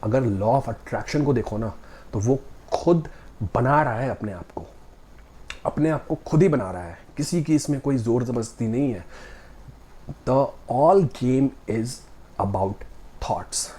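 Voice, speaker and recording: A man's voice: medium pitch, lively intonation, takes it slowly, warm tone. A man giving a motivational talk, speaking directly and conversationally to the viewer and asking rhetorical questions.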